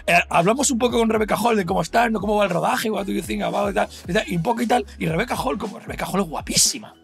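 High, gravelly Spanish man rambling animatedly. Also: very fast, soft background music. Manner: rambling, animated, full of fillers and laughter. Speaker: guest telling an anecdote. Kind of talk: casual podcast storytelling.

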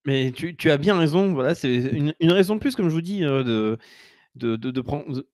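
A man's voice: fairly high pitch, expressive, normal speed, darkish tone, no room sound, studio quality. A man hosting a live-streamed talk show, rambling and promotional as he plugs a book and introduces his guest. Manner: rambling, promotional, filler-heavy. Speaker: host.

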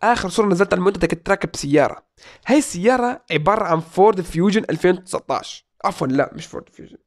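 A young man in his twenties runs a casual question-and-answer vlog from a small room. He talks fast and playfully, with a voice that swings widely up and down. He reads out the questions and jokes his way through the answers. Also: sits high, animated. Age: 20s. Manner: joking, playful, reads out comments. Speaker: YouTuber answering viewer questions. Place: small indoor room at a desk.

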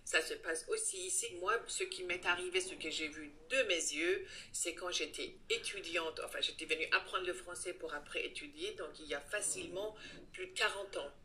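Woman, 60s, interview guest, grave and deliberate, bright tone. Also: lowish voice, slight background noise. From Iran. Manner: earnest, measured, pauses to find words. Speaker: guest, head of a child-protection association. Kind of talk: interview answers.

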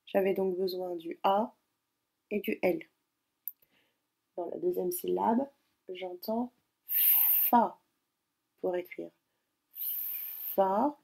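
A woman teacher recording a spelling dictation lesson at home, speaking slowly and spelling words out syllable by syllable. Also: lowish voice, vocal fry, warm tone. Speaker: primary school teacher.

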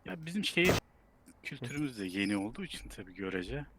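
Man, stream guest, rapid speech with a lively, slightly raised voice. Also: medium pitch. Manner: quick, agreeable, chiming in. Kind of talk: casual live-stream chat.

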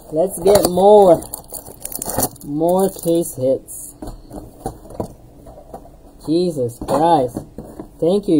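At an indoor streaming desk stacked with card boxes, a woman hosts a live card break, calling out player names as she opens packs. She laughs at herself and is losing her voice. Her voice sits on the low side, and the background is noisy.

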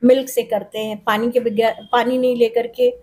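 A middle-aged woman salon owner answering interview questions in a salon, pausing often with fillers. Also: a little high, flat delivery, darkish tone, slight background noise. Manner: hesitant, with many pauses and fillers. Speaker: salon owner and makeup artist. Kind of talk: on-camera interview. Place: indoor salon with tiled walls. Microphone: handheld reporter mic.

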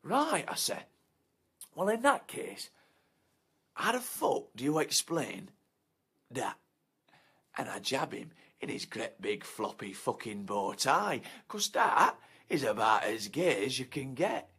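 Brief: actor playing a slow, swearing thug, husky voice, pitch swings wildly. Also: male voice, very animated, full character voice. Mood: menacing. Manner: swearing, swinging between hushed whispers and shouts. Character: foul-mouthed, menacing male disco obsessive. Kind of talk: short film monologue.

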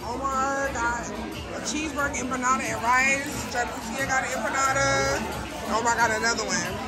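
A woman's voice: sits high, steady tone, moderate pace, loud music behind the voice, a loud crowd. A woman in her thirties vlogging around a city on a handheld phone camera, chatting casually to viewers and calling them y'all. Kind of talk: casual vlog narration. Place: city streets, cafes and restaurants. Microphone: phone camera at arm's length.

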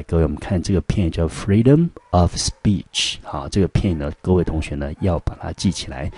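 A man from Taiwan with a Taiwanese Mandarin accent, teaching English vocabulary and grammar in a recorded lesson. He leans on "好" and "呢" as fillers and spells words slowly, syllable by syllable. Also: dark tone, breathy edge, no echo. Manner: frequent fillers "好" and "呢", rising pitch on prompts, slow syllable-by-syllable spelling. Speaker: high school English teacher.

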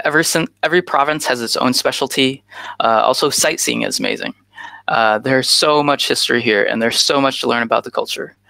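Talking on a headset over a video call, a man in his thirties from the United States delivers a conference talk as a guest speaker, sprinkling in lots of "uh" fillers in an earnest, informal way. His mid-range voice has vocal fry and a sharp tone, with no echo.

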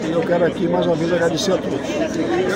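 A man in his fifties, a police commander, giving a formal, measured on-scene interview outdoors at night into a handheld mic. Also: high voice, big pitch swings. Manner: formal, measured official speech. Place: outdoor city street at night among a crowd. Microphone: handheld reporter mic. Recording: loud crowd outdoors.

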